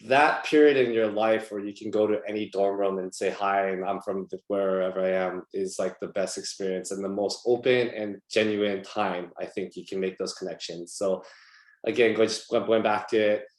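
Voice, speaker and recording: A man's voice: fairly low pitch, steady tone, moderate pace. A young man from Hawaii speaking casually on an alumni panel, rambling a little and repeating words. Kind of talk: casual panel talk on a video call. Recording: echoey room.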